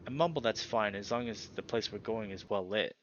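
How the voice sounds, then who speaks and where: Hosting a let's play, a man reads a visual novel aloud and comments casually, reacting expressively and swearing casually. His voice is on the low side and a little fast, and the audio is dull.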